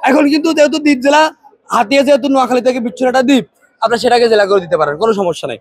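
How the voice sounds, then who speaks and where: A man's voice: extremely high pitch, racing, slightly rough. A man from Noakhali speaking with a Noakhali Bengali accent in a street interview, arguing hard, repeating himself and checking that listeners follow. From Noakhali, Bangladesh.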